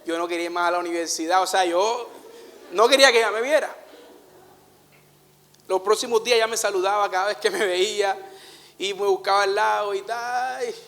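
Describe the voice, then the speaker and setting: A man preaching a sermon, telling personal stories in an animated way, laughing at himself and dropping to a hush in tender moments. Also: sits high, normal speed, long pauses, big-room sound. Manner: animated storytelling, laughs at himself, swings from loud to hushed. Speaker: pastor.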